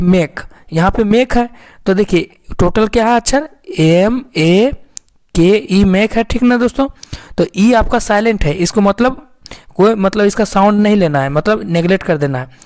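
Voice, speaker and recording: A woman teaching English phonics. She explains slowly, step by step, asks her own questions and answers them, and keeps checking in with viewers. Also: medium pitch, a little mellow.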